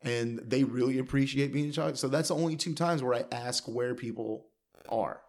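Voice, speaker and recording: A man, a stand-up comedian, talking in a casual podcast chat in a blunt, profane, animated way. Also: mid-range voice, normal speed.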